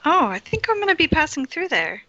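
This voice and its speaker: Bright-voiced woman playing a tabletop game. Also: high voice, sing-song, fairly quick, no room sound, highs cut off. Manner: friendly, brief answers. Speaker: player. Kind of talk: casual tabletop game talk.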